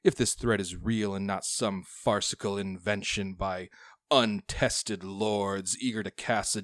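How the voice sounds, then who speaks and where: A man's voice: fairly low pitch, fairly bright tone, no room sound, studio quality. A man voicing a scornful pirate king in a tabletop game, pompous and declamatory in formal speech. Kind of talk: tabletop role-play.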